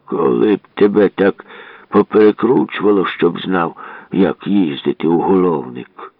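A grumbling old grandfather, voiced by a man reading a story, scolds in slow, gruff tones. The voice sits low and dry. It comes through a thin, phone-like radio broadcast. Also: no room sound. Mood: scolding. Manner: gruff, scolding, drawn-out words.

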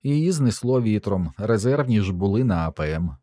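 A man's voice: on the low side, animated, moderate pace, dark tone, no room sound, clean studio sound, pitched above the performer's own voice. A man voicing a nerdy, pedantic male engineer who speaks matter-of-factly and corrects his colleague.

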